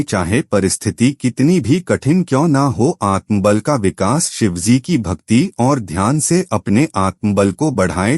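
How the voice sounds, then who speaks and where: A man giving scripted devotional narration, reading out advice in a measured, instructive way. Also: fairly low pitch, a little mellow, no echo, studio quality.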